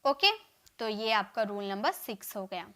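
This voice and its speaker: A young woman with an Indian accent teaching English verb forms in a live online class, saying each word form aloud and repeating it, with frequent quick check-ins with her viewers. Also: medium pitch, animated, a bit bright.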